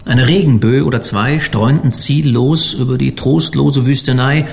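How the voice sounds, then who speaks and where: A man reading a story aloud as an audiobook narrator, expressive and measured. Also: medium pitch, vocal fry. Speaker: audiobook reader. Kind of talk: scripted narration.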